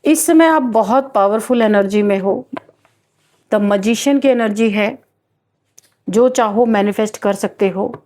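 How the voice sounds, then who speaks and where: A woman's voice: mid-range voice, measured pace, pauses often, a little mellow. A woman with a Hindi accent giving an emphatic, earnest tarot reading to viewers, often repeating her key phrases. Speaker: tarot reader.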